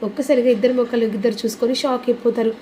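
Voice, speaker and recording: Woman, serial recap narration, brisk and dramatic, somewhat high pitch. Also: steady tone, dark tone, slight background noise, low-quality recording.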